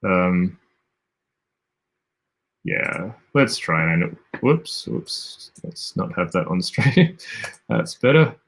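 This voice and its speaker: A man's voice: low voice, sing-song, drawn-out words, long pauses, slight background noise. An Australian man casually commentating a livestream while he plays, rambling and thinking aloud with frequent self-corrections. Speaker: game design streamer.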